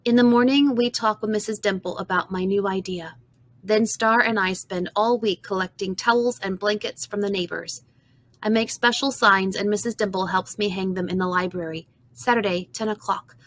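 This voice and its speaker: A woman narrating a children's storybook in the first person, with a gentle, expressive reading. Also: medium pitch, normal speed. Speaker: audiobook narrator.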